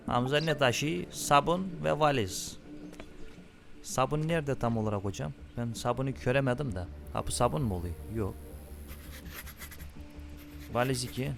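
A gaming channel host casually narrates his own play, muttering at the game characters and frequently erupting into loud, irritated yelling at them. His voice is mid-range and creaky.

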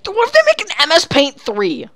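A woman's voice: high voice, wildly swooping pitch, a little fast, noisy background. A woman chatting casually and playfully with a friend while they play a video game, often breaking into giggles. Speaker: gamer.

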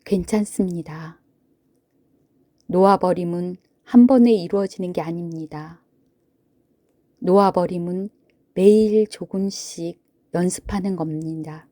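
Slow, soothing woman narrating for sleep. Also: on the low side, no room sound. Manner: soothing, gentle, hushed, with long pauses. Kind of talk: sleep story narration, guided Buddhist relaxation.

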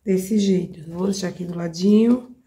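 Hoarse and mellow from a cold, a Brazilian woman with a Brazilian Portuguese accent hosts a craft tutorial, demonstrating a project step by step at her indoor home craft table. Her voice sits on the low side with fairly even intonation at a normal speed. She's chatty, speaking straight to viewers and checking in with them often.

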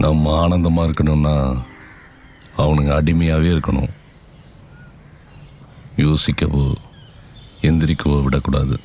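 A man's voice: very deep voice, level tone, a little slow, long pauses, faint music behind. An actor playing a domineering village headman who barks orders at his servants. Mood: scheming. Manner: bossy, shouting orders.

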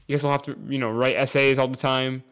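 A man's voice: mid-range voice, level tone, fast talker, fairly bright tone, a little hiss or hum. A man in his twenties chatting casually while gaming on a stream, joking and teasing with friends. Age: 20s. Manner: joking, laughs often, teasing.

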